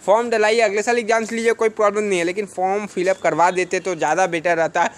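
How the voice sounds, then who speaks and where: High-voiced man giving earnest advice. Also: steady tone, fast. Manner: earnest, exhorting, rhetorical questions. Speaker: defence exam coaching teacher. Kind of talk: casual advice vlog to students.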